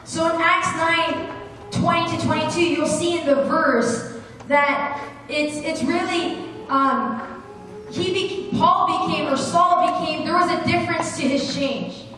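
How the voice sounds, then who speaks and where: A young woman with a high voice delivers a sermon into a handheld mic. She is earnest and restarts her sentences often. The sound is distant, with long reverb from a church hall and a faint room hum. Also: steady tone, takes it slowly, a bit bright. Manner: earnest, gesturing, with fillers and restarts. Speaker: preacher. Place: church hall with brick wall. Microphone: handheld microphone at a lectern, recorded from the room. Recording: echoey hall from far off.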